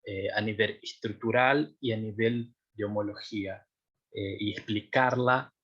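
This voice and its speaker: A young man whose first language is Portuguese explains his doctoral research at a seminar in a fairly low, steady, husky voice that's still fairly bright, speaking a little slowly on lo-fi sound. He stumbles through fillers and restarts and often checks that people understand.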